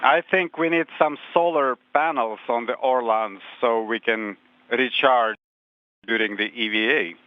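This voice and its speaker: A man's voice: mid-range voice, measured pace. Male interpreter relaying calls on a mission radio loop; clipped, matter-of-fact delivery through a tinny, phone-like radio channel. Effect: tinny spacecraft radio loop. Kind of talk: terse radio procedure calls. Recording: phone-like narrow radio band.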